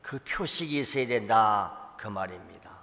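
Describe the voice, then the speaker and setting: A male pastor preaching a sermon in a church sanctuary, swinging between loud cries and quiet, intimate lines. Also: fairly low pitch, expressive, normal speed, gravelly, big-room sound.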